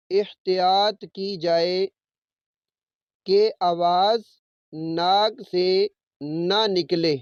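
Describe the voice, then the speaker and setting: A man teaching a Quran reading lesson step by step. He sounds out letter drills slowly and repeats each one. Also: high voice, darkish tone, no room sound, muffled recording.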